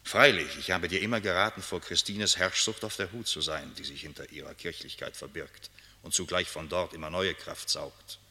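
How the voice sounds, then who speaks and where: A deep-voiced nobleman with clear diction, married and aristocratic, broods over a letter that troubles his conscience. Reserved and weighing each word, he reads it aloud in a grave, reproachful way with muttered asides, his voice pushed and bright at normal speed, acted in a German literary radio play.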